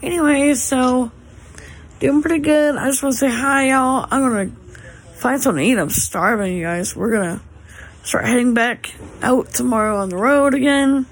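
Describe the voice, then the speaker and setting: A woman with a Southern US accent chatting casually to viewers as a family vlogger, in a drawling, folksy, encouraging way. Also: moderate pace. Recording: noisy handheld recording with vehicle rumble.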